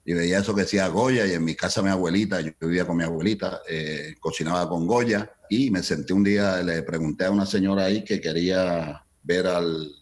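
A man in his sixties from Colombia, a guest telling lively anecdotes in an interview and mixing Spanish and English as he acts out dialogue. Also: sits low, fairly quick, few pauses. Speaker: guest, entertainment entrepreneur. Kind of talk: storytelling in a conversational interview.

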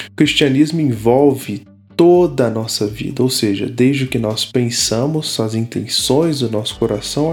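A man teaching a Bible study series, explaining step by step and often pausing to restart. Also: mid-range voice, a little mellow. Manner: explanatory, frequent fillers and restarts.

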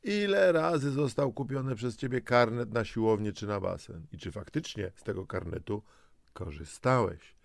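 With a creaky, mid-range voice at a moderate pace, the host of a health and lifestyle audio programme delivers semi-scripted motivational narration. He coaxes and instructs the listener, asking rhetorical questions, and there's no room sound.

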